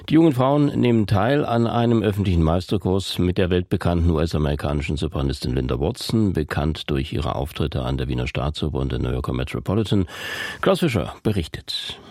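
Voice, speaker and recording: Male radio presenter with a very low voice, dry studio sound, reads an announcement and self-corrects. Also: darkish tone, no room sound. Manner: corrects himself mid-sentence.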